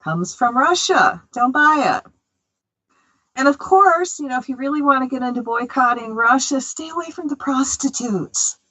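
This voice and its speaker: An American woman hosts a spiritual radio show, talking in a chatty, opinionated way packed with fillers. Her voice sits high and is expressive with a sharp tone, at normal speed.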